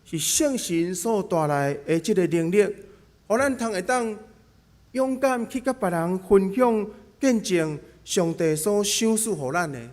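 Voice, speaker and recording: A man's voice: high voice, expressive, measured pace, darkish tone. A man with a Taiwanese Hokkien accent delivering a sermon in an explanatory way, posing rhetorical questions as he teaches. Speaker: preacher.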